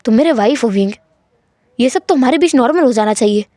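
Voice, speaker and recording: A woman voicing a cold, teasing, dominant young husband in a storytelling fan fiction, speaking low, calm and insistent. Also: fast, no echo, studio quality, natural voice.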